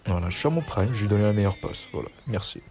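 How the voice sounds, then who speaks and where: Low-voiced young man, dark gameplay chatter. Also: expressive, racing. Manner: self-mocking, chatty, slangy. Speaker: gaming YouTuber. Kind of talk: casual gameplay commentary.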